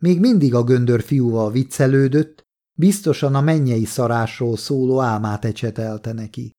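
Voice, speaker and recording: A man narrating a novel in the first person as an audiobook, steady and measured. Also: mid-range voice.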